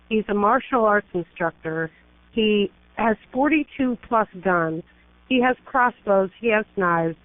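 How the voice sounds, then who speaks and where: A middle-aged woman who's an attorney pleads urgently on an emergency call, piling one emphatic complaint onto another. Her voice is medium in pitch, the recording dry, heard through a tinny phone line.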